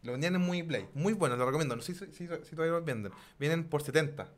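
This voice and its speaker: A man's voice: a little high, fast talker. A man with a Chilean accent co-hosting a casual podcast chat, teasing and joking and laughing often. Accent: Chilean Spanish. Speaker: podcast co-host. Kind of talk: casual chat about board games.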